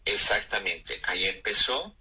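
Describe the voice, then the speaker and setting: This is a man in his thirties with a Colombian accent, a friar answering an interviewer on the radio. His voice is strikingly bright and husky, with a raspy grain. He talks in a measured, reflective way, often pausing to find his words. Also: lowish voice, lively intonation, rough recording. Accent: Colombian Spanish. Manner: reflective, measured, with frequent hesitations. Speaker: Carmelite friar. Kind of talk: interview conversation.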